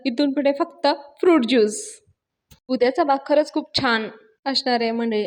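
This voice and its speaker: A woman with a high voice retelling a serial episode in a chatty, casual way. She narrates conversationally and often laughs along with the story. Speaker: serial reviewer.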